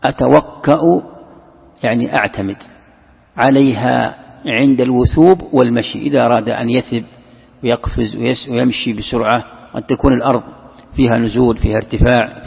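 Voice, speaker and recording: A man's voice: medium pitch, gravelly, breathy edge. A man giving a scripture commentary lesson. He poses questions, answers them himself and repeats key phrases. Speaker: religious teacher. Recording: echoey hall, dull lo-fi sound.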